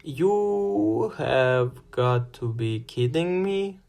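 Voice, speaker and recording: A man's voice: medium pitch, slow, gravelly. A man voicing a sarcastic teenage boy who turns panicky.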